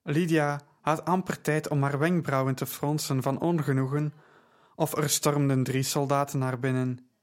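A man narrating an audiobook in a measured, steady storytelling manner. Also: a little high.

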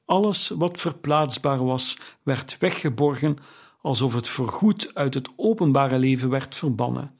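A man reading a classic story aloud as narrator, in a slow and deliberate way. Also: mid-range voice, breathy edge. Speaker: audiobook narrator.

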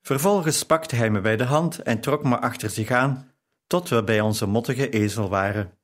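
Measured male audiobook narrator. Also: mid-range voice. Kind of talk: scripted first-person narration.

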